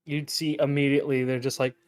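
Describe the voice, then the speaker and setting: A man running a tabletop game as game master, playful and teasing, quick to joke with his players. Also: mid-range voice, flat delivery, clear, resonant tone, no room sound, faint music behind.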